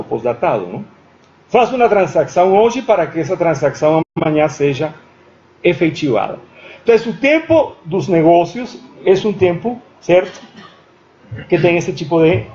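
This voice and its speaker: A man's voice: sits high, a little mellow, a little hiss or hum. A man giving an academic lecture, thinking aloud with restarts and often checking in with "certo?" after his points. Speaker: guest lecturer. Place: university lecture room. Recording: dull lo-fi recording.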